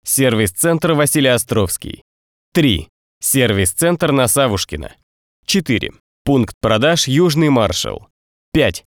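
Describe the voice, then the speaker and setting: Guy doing phone menu prompts, formal and measured, lots of pitch movement, dry sound. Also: big pitch swings, no echo. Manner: slow, formal, measured announcements.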